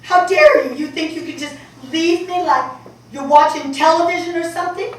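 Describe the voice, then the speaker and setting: A woman's voice: extremely high pitch, fairly even intonation, normal speed. A woman acting the part of an aging mother in a stage play, pleading with her grown daughter through emotional outbursts. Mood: outraged. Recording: echoey hall from far off, background noise.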